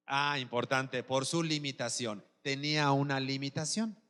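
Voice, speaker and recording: A man's voice: medium pitch, unhurried, a bit bright, clear, resonant tone, big-room sound. A man preaching a sermon as pastor, often asking the congregation if they are with him. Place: church.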